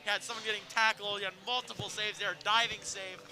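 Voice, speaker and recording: Chatty high-voiced young color commentator. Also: male voice, level tone, quick pace, noisy background. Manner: chatty, analytical, hesitant with fillers.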